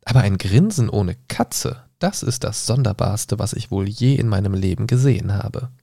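A man's voice: lowish voice, expressive, moderate pace, creaky, mellow, no room sound, clean studio sound. A man voicing a polite, curious young girl who is easily indignant, in a raised, slightly prim voice.

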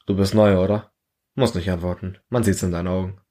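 A man doing a gruff veteran soldier. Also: deep voice, fairly even intonation, a little fast, dark tone. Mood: blunt. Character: gruff battle-hardened male veteran soldier.

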